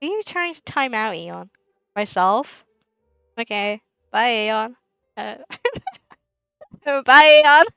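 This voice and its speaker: A young woman chatting with her stream viewers, her voice fairly high and smooth. She rambles and giggles through her sentences, close to the mic in a dry room. Soft music plays faintly behind her. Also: animated, takes it slowly, pauses often, dry recording, rough recording. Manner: giggly and rambling, often laughing mid-sentence. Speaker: livestreamer. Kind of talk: casual chat with viewers.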